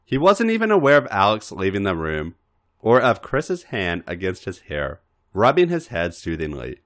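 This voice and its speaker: A podcast host dramatizes a fan fiction reading at a moderate pace, his lowish voice fairly bright. His pitch swoops wildly as he narrates with emphasis.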